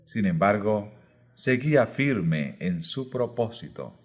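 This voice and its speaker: A man narrating a religious book aloud, reading in slow, measured short phrases. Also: on the low side, sing-song, slightly rough. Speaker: audiobook narrator.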